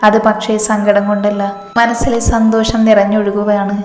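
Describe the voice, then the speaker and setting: A woman's voice: medium pitch, flat delivery, normal speed, a little mellow, lightly acted. Woman voicing a tearful, comforting young woman. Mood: tender. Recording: echoey reverb with background music.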